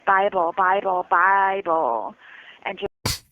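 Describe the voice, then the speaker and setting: A woman's voice: mid-range voice, animated, takes it slowly, no echo. A woman in jail on a prison phone call, complaining in a long run-on retelling. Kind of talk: casual phone conversation. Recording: tinny phone line with faint noise.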